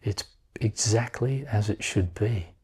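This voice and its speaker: A man leads listeners through a meditation, speaking very slowly and calmly with long pauses between short phrases. His voice is low and mellow, slightly rough in texture.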